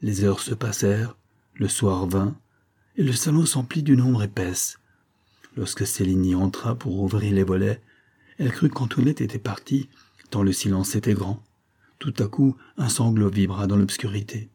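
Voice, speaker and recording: A man reads a serialized novel aloud in a measured, even storytelling manner. His voice is low, dark and mellow, with a husky grain. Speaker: narrator.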